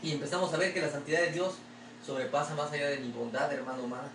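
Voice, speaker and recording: A man's voice: on the high side, steady tone, quick pace. A man pastor preaching a sermon in a church in a conversational way, often calling the listener brother and asking rhetorical questions. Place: church sanctuary. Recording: echoey room, distant mic, faint ambient noise.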